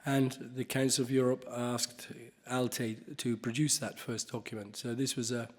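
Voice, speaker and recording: A man chairs a conference panel in a hall, speaking off the cuff. His delivery is halting, full of restarts and occasional coughs, at a middling pitch. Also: level tone.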